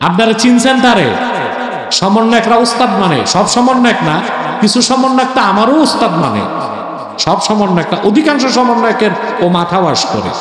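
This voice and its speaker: A Bangladeshi Bengali-speaking man preaching a fiery sermon in a large tent, tired and slow-paced, chanting lines in a sing-song cadence and calling out to the crowd for answers. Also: high-pitched, sing-song, a bit bright. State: physically tired, speaking slowly. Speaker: Islamic preacher. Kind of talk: fiery open-air sermon. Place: large packed tent at a religious gathering. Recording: very echoey public address in a big tent.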